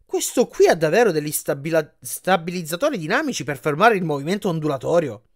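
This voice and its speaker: Guy doing a teen boy hero, eager and higher-pitched, bouncy delivery. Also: big pitch swings, quick pace. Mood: flattering. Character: quick-witted teenage boy hero.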